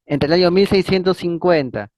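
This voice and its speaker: Recorded dry, a man with a high-sitting, slightly mellow voice gives a relaxed history lecture on his own channel at a moderate pace. His delivery rambles with repeated words, frequent fillers and restarts, and a habitual questioning "no?" closing his phrases.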